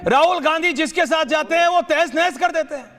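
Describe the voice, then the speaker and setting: A woman anchoring a heated TV debate, forceful and combative, dropping English phrases into her talk. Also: very high-pitched, a little fast.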